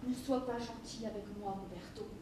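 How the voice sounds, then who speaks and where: A woman playing a frightened grieving mother on stage, pleading and shrill when scared. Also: moderate pace, natural voice. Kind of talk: stage play performance. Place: theatre stage. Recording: echoey hall, distant mic, noisy.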